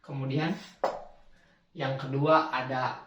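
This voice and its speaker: A young man hosting a casual lesson, explaining things in a relaxed way and often stopping to repeat or restart a word. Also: medium pitch, slow pace, distant mic, lo-fi sound. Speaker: host teaching English accents. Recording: roomy, from off-mic, faint background hiss.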